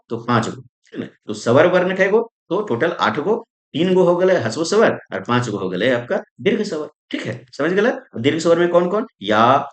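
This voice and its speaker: A male grammar teacher, teaching in a lively, sing-song way that rises and falls. His voice rings around an echoey room. He fires questions at the class, answers them himself and keeps checking that everyone follows. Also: mid-range voice. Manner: constant checks like "isn't it?" and "okay?". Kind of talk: exam-prep grammar lesson.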